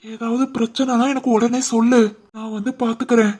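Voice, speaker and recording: A woman voicing a gentle young village man in an animated drama, soft and comforting, with a Tirunelveli Tamil accent. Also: fairly high pitch, a little fast, voice pushed down, natural voice.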